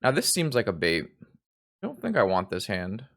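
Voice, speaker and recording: A man's voice: fairly low pitch, huge pitch swings, moderate pace, a bit bright. A hungover man giving rambling, self-deprecating live commentary on a card game stream, swearing casually.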